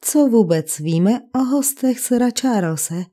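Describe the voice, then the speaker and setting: A woman's voice: a little high, animated, dark tone. A woman reading the part of a fussy English village vicar who speaks in a precise, cold and sarcastic way.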